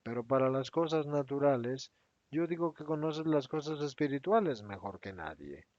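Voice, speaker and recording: A man's voice: medium pitch, animated, normal speed, a little mellow, no room sound, lightly acted. Judas, a man reading as an agitated resentful apostle. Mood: indignant. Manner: agitated, protesting, raised voice. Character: resentful, defensive male apostle Judas, adult. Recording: dry, slightly dull recording.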